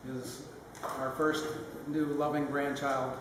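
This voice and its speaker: An older man giving a sentimental, lightly humorous father of the bride speech, halting with pauses mid-phrase. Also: mid-range voice, level tone. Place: large reverberant room at a wedding reception. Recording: echoey hall, distant mic, noisy room.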